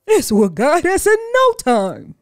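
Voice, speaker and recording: Woman putting on a booming, high-pitched jolly storybook Santa. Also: wildly swooping pitch, takes it slowly, soft background music, exaggerated voice. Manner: hearty, blustering exclamations. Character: jolly, booming old man Santa Claus. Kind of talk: children's storybook read-aloud.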